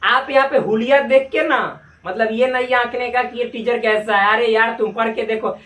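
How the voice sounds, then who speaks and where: Joking teacher in an echoey room. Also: male voice, very high voice, steady tone, a bit bright, far from the mic. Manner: joking, colloquial, drawn-out repetitions. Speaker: maths teacher. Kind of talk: casual classroom lecture.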